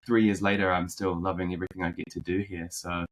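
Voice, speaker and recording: A marketing executive from New Zealand tells his story as a guest on a conversational podcast interview, speaking fast in a low voice. His accent drifts between New Zealand and American, and his relaxed delivery is full of fillers and restarts.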